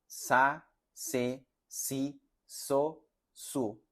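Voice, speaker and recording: A man teaching a pronunciation lesson, slowly sounding out example words and syllables for learners to repeat, with friendly check-in questions. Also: mid-range voice, steady tone. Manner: slow, deliberate, sounds out words and syllables for repetition; friendly, addresses students directly with check-in questions. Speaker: Spanish teacher.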